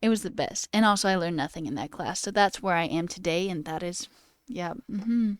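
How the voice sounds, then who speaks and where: Smooth-voiced woman rambling on a stream. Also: lowish voice, a little fast, no room sound, studio quality. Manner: rambling, tangent-prone storytelling; swears casually, says "like" often. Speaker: livestreamer. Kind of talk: casual chat with live chat. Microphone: headphones with a cord.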